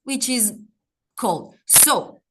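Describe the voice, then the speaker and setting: A woman's voice: a little high, lively intonation, extremely slow, background noise. A young woman from Colombia, a graduate mentor presenting a workshop in a chatty way, often searching for words. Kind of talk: workshop presentation over video call.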